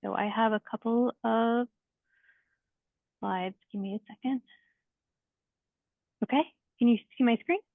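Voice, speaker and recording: A woman project engineer presenting a technical walkthrough in a clear, organized way over a video call. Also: a little high, a little slow, pauses often, dry recording. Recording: tinny phone-like call audio, dry.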